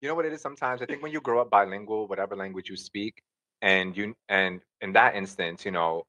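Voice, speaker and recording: A man's voice: lowish voice, fast talker, sharp tone, poor audio. A young man, a podcast co-host, chatting casually and tagging his sentences with "you know" and "right?". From Dominican heritage, New York City. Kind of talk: casual chat.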